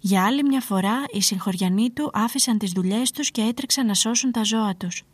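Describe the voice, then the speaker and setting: A woman telling a fairy tale in a calm, expressive scripted narration. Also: medium pitch, slightly rough, no echo. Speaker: storyteller.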